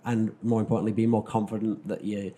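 A man's voice: lowish voice, little pitch movement, fast talker, mellow. A man chatting casually as a panellist on a podcast. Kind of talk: casual discussion.

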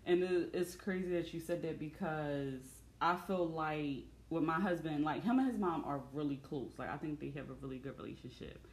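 A woman's voice: low voice, normal speed, few pauses. A woman hosting a casual chat, telling stories and acting out what people said. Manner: animated storyteller, acts out quotes. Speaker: podcast host. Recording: echoey room.

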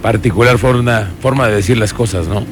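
A man's voice: on the low side, brisk, background noise. A man with a Mexican accent hosting a radio show, cordial and easygoing with his reporter. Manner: cordial, easygoing sign-offs. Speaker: radio host. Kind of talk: live radio conversation.

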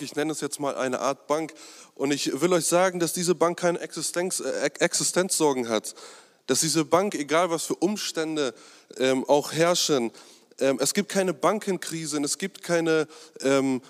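A man preaching a sermon in a conversational, hesitant way, with many fillers and asides joking with the congregation. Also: on the high side. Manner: jokes with the congregation. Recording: long hall reverb.

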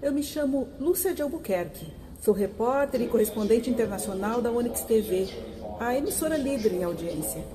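An actress with a Brazilian accent playing a self-important, flamboyant television correspondent in an audio comedy, pompous in manner. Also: female voice, fairly high pitch, lively intonation, moderate pace, a loud crowd, lightly acted. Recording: clearly noisy recording with clicks.

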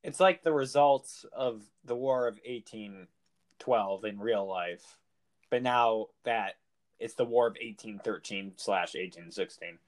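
A man's voice: lowish voice, measured pace. A man in a casual discussion who asks curious follow-up questions, restarting his sentences as he thinks.

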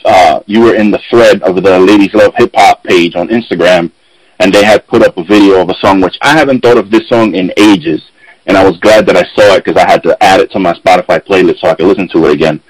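A man's voice: deep voice, brisk, breathy edge, no room sound, poor audio. A man hosting a podcast in casual chat, telling stories and acting out the people he quotes, swearing freely. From Puerto Rican and Dominican heritage. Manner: animated storyteller, acts out quotes, swears freely. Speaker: podcast host. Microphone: remote call.

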